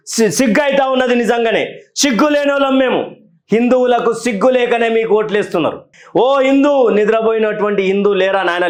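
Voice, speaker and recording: A man giving heated political commentary, scolding and taunting, repeating his questions. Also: sits high. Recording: roomy echo.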